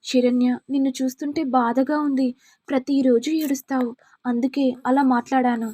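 A woman's voice: high voice, little pitch movement, moderate pace, warm tone. A woman voicing a jealous, scheming young sister-in-law with mocking, sly asides.

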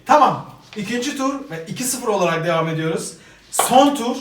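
A man's voice: high-pitched, expressive, brisk, reverberant, recorded from a distance. Male host for a family game video: casual, playful commentary to viewers, recorded off-mic in a noisy room. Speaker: host and contestant in a family challenge.

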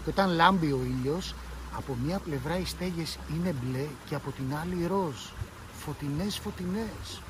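A man voicing a gentle, soft-spoken young boy in a read-aloud story, speaking slowly and quietly. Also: slight background noise, close to an everyday voice, low-quality recording. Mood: quiet, earnest. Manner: slow, hushed, low-voiced.

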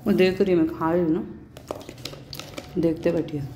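A woman in her forties with a slightly sore throat chats warmly to her viewers while eating, calling them "beta" like a motherly aunt. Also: fairly low pitch, steady tone, moderate pace. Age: 40s. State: throat a little sore, clears it often. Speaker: vlogger. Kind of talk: casual chat while eating on camera. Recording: echoey room with faint background noise.

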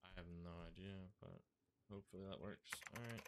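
Chatty gamer man over loud noise. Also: sits low, quick pace. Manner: laughs often, chatty and excitable. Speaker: gaming channel host. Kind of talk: casual game commentary and voice chat. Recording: loud background noise with clicks.

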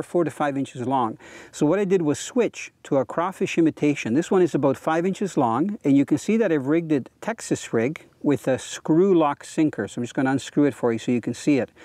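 A middle-aged man with a slightly higher voice than most men hosts a fishing show outdoors on a lake. He explains tackle and technique in an enthusiastic, conversational way, leaning on "you know". His voice sits close and dry on a clip-on mic despite the open air. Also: a little mellow, no room sound. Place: outdoors on a boat and dock by a lake.

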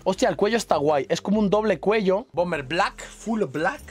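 An excitable young man with a Spain Spanish accent, unboxing clothes in a casual vlog. His voice sits high and swoops widely, full of slang and sudden bursts of enthusiasm. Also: moderate pace, slightly rough. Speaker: fashion unboxing youtuber.

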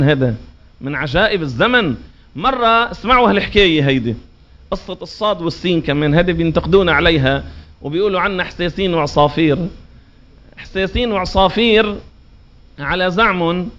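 Male preacher, high voice, emphatic and drawn-out delivery, muffled lo-fi recording. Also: fairly bright tone. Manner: emphatic, drawn-out demonstrations of pronunciation. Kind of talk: religious lecture. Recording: dull lo-fi recording.

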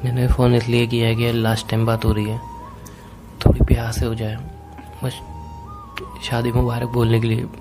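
With music audible on the phone-call recording, a young man pleads insistently during an emotional private conversation. He speaks in a mid-range monotone at a moderate pace, leaving long pauses.

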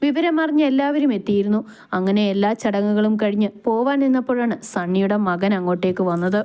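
A woman narrating a romance story in a calm, even reading. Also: medium pitch, brisk, smooth.

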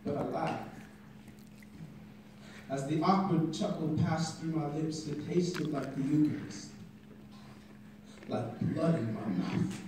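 A young man performing spoken word poetry at a stand mic in a classroom, building from quiet intensity to shouting, filmed from the audience. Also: on the high side, takes it slowly, long pauses, a little hiss or hum. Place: classroom at a conference, indoors. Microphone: stand mic, filmed by a phone from the audience. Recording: echoey room from far off.

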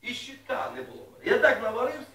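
A man preaching a sermon to his congregation in a folksy way, asking them questions and rising loudly when he reads scripture. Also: extremely high pitch, fast, a little hiss or hum. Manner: folksy, asks the congregation questions, rises to loud reading. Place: church hall. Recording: echoey room, mic at a distance.

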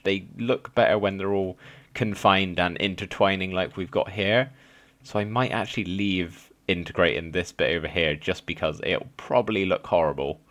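Young male gaming host, low voice, slight lisp, chatty and rambling, thinks aloud with ums. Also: fairly bright tone. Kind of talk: casual let's play commentary.

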